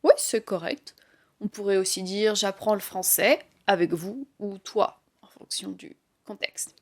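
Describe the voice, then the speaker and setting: A woman with a French accent giving a relaxed, conversational language lesson, explaining things with light laughs and fillers. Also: medium pitch, measured pace. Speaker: French teacher.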